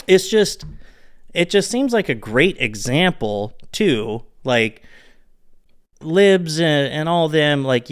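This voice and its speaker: A man co-hosting a loose comedy podcast, ranting through his points with laughter breaking in. His voice is smooth and clear, and it swings widely in pitch. He's a touch higher than most men. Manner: ranting, laughs often, trailing asides. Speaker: podcast co-host. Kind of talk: casual comedic chat.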